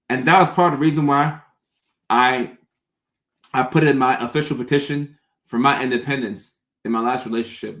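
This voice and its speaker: In an echoing, roomy recording, a man with a mid-range, somewhat bright voice hosts a live question session as a content creator. He responds to comments off the cuff, often doubling up phrases for emphasis, and has difficulty with his R's.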